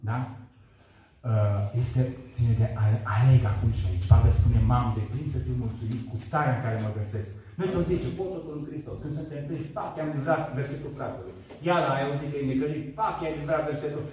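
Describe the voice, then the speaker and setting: A man's voice: medium pitch, warm tone, slight background noise. A middle-aged man giving an emotional testimony sermon in a church hall, acting out his own dialogues with God as his voice swells and drops. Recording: echoey hall from far off.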